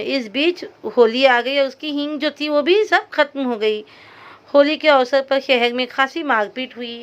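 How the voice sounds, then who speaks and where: A woman's voice: on the high side, a bit bright. A woman teacher reading a story aloud to young students, stopping to explain hard words along the way. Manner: talks straight to young students.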